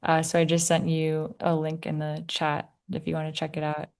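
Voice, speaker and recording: A woman's voice: low voice, monotone, normal speed, a little mellow, clean tone. A woman in an art class sharing a friend's project on a video call, informal with likes and ums. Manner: informal, uses 'like' and 'um'. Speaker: class participant. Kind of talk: casual chat on a video call.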